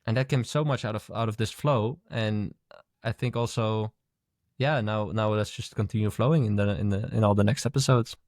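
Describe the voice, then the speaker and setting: A man's voice: lowish voice, steady tone, moderate pace, darkish tone, no room sound, clean studio sound. A man co-hosting a podcast in casual chat, thoughtful and musing as he talks. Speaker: podcast co-host.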